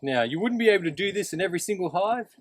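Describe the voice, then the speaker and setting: Slightly high-voiced man giving practical instruction. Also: animated, very fast. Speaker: beekeeping instructor. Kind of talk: instructional demonstration, explaining step by step. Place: outdoors beside beehives.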